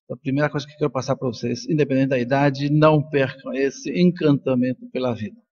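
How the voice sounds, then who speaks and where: At a congress, an older man from Colombia who speaks Spanish natively shares personal stories in an informal, reflective talk. The neuroscientist and professor has a medium-pitched, darkish voice with a steady tone and quick pace, captured in a muffled recording.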